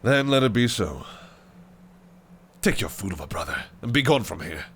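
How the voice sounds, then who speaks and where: In an audio roleplay drama, an actor plays a possessive, scheming male fae prince, speaking theatrically and old-fashionedly while swinging between shouted rage and hushed whispers. His medium-pitched voice has a sing-song quality at normal speed, with a rueful mood and slight background noise.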